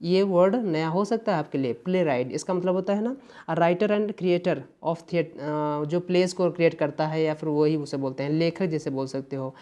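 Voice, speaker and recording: A man's voice: a little high, moderate pace, mellow. A male English teacher walking through an exam paper, explaining each word patiently and often checking that students follow. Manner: explains patiently, mixing English terms into Hindi; keeps checking in with "है ना" and "ध्यान दीजिएगा". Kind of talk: exam paper walkthrough lesson.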